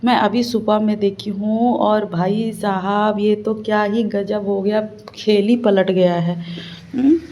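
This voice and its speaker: Woman, reaction vlogger, casual commentary, indignant, scolding, mellow tone, faint room noise. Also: mid-range voice, steady tone, slow.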